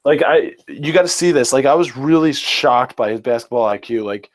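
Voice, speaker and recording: Young male podcast host in his twenties, mid-pitched, eager and rambling. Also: animated, moderate pace. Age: early 20s. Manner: enthusiastic, rambling, fillers and restarts. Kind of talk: casual sports chat.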